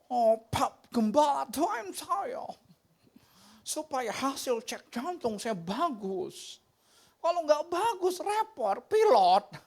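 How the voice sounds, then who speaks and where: Anxious male copilot, put on by a preacher: high, whiny, pleading. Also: sing-song, slow, vocal fry, darkish tone, full character voice.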